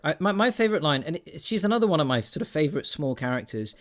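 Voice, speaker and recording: A man hosting a film podcast, rambling and relaxed, often restarting his sentences. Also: a little high, quick pace. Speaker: podcast host. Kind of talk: casual film chat.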